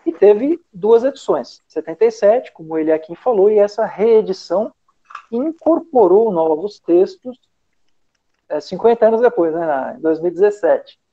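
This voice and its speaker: A man interviewing a poet, reading out prepared questions in a measured, careful way. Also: high voice, expressive, mellow, highs cut off.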